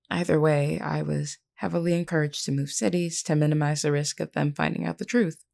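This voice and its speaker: A woman takes the role of a vampire queen for an intimate audio roleplay, her low, noticeably creaky voice speaking to one listener. She is gentle and candid, choosing formal words and keeping a measured, reassuring manner.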